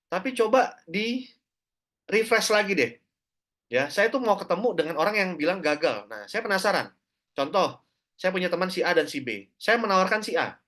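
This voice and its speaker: A man's voice: sits high, moderate pace. A man giving a motivational network marketing talk, speaking straight to his listeners and acting out the voices of people he quotes. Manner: animated, acts out quoted voices, addresses listeners directly.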